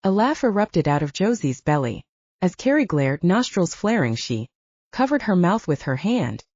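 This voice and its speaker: A woman narrating a romance audiobook with expressive storytelling. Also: lowish voice, moderate pace, husky, dry recording, dull audio. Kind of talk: scripted narration.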